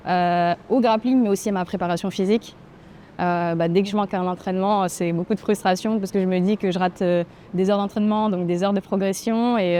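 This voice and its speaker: A woman in her twenties from French Guiana, a grappling athlete, answers questions for a documentary interview. Her mid-range voice is mellow, and she speaks thoughtfully and hesitantly, with frequent pauses and fillers. A slight hiss or hum is audible.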